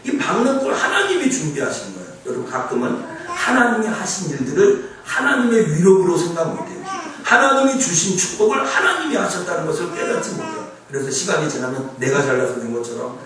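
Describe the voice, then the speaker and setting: A male pastor preaching a sermon in a church sanctuary, conversational and animated, often asking the congregation questions, recorded from far off in an echoey hall. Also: a little high, fast talker, few pauses.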